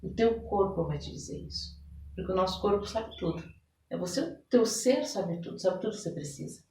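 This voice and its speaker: Animated and a little fast, a Brazilian woman with a mid-range, darkish voice explains ideas as a therapist guest in a podcast interview. Everyday examples and imagined quotes fill her conversational explanations. Expect roomy echo, a far-off mic, and background noise.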